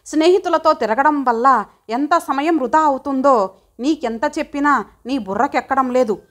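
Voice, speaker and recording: A woman's voice: sits high, moderate pace, a bit bright. A woman voicing a caring middle-aged mother who lectures her son in a pleading tone.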